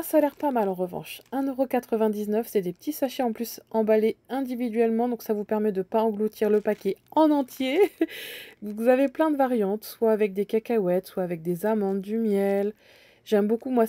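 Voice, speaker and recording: With a mid-range, dark-toned voice and no room sound, a woman vlogs about bargains as she wanders a supermarket. She points out deals in a casual, thinking-aloud chat full of hesitations.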